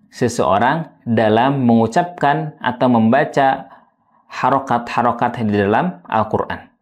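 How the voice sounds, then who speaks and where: A man teaching Qur'an recitation in a scripted lesson, over-enunciating with careful articulation of every word and vowel. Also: medium pitch. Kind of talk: scripted instructional lesson with demonstrations.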